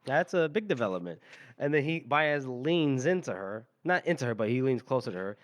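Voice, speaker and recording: A podcast co-host, a man, walks through a book chapter in a loose, rambling way, laughing between lines. His voice sits at a typical middle pitch. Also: very animated, brisk. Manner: rambling recap with fillers and chuckles. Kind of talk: casual book discussion.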